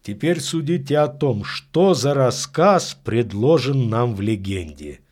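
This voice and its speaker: An insightful priest in a spoken-word story, as a male reader plays him, laying out his reasoning like an official report. His voice lifts above the narration and moves animatedly, at an unhurried, deliberate pace. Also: mid-range voice, animated, darkish tone. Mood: earnest. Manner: earnest, explanatory, matter-of-fact. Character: calm, insightful middle-aged priest.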